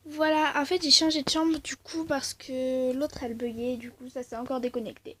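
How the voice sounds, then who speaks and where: Her voice sits high and fairly bright, with a flat delivery at a moderate pace. She is a young gaming video creator chatting casually about the game she plays, rambling and using lots of fillers, over faint background noise.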